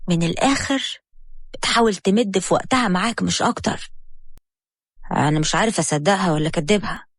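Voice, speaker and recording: A woman voicing a calm, defiant ex-wife in an Egyptian accent, speaking in a measured, firm way. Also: medium pitch, no echo, studio quality, lightly acted. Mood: persuading.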